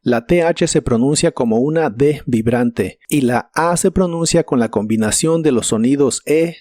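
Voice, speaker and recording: A man teaching English vocabulary in a scripted lesson, modelling each word slowly and carefully. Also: medium pitch, a little mellow, dry recording, studio quality. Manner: slow, careful model pronunciations.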